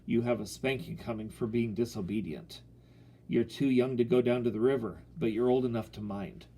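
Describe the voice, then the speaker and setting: A man voicing a gruff father who talks sternly. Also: medium pitch, moderate pace, mellow, natural voice. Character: gruff father, stern but secretly amused.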